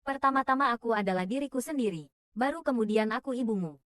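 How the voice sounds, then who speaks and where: Istri tua yang getir dan tersakiti, disuarakan seorang perempuan, suara agak tinggi, kering. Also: female voice, on the high side, fast talker, fairly bright tone, no room sound, studio quality, lightly acted. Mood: aggrieved. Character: wronged older wife, weary and bitter. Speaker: dub voice. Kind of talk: dubbed drama dialogue.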